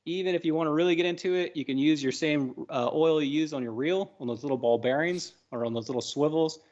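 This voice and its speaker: A man's voice: fairly high pitch, a little mellow. A man co-hosting a live fishing talk show, chatty and instructive, his voice a little worn. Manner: chatty, instructive, quick asides. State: losing his voice. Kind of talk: casual live-stream chat. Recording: dull lo-fi stream audio.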